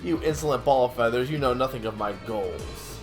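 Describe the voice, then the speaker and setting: A man's voice: mid-range voice, expressive, fairly quick, a little mellow, faint music behind, lightly acted. A man voicing a pompous, gloating mad scientist villain from a video game, with theatrical threats in a panto villain manner. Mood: pompous, menacing. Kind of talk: acting out video game dialogue.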